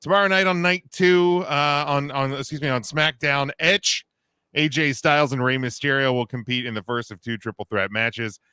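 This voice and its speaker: A man's voice: mid-range voice, steady tone, moderate pace, sharp tone, smooth, no echo, clean studio sound. A man in his thirties hosting a casual wrestling podcast, joking with co-hosts and reading the news with lots of fillers. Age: 30s. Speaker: podcast host.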